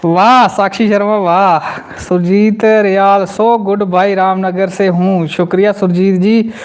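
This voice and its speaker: A man's voice: high voice, takes it slowly, smooth. A man with a Dogri accent from Jammu, telling a comic story on a live stream and reading out viewer comments. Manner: animated storyteller, bursts into quoted voices. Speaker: comedy channel host.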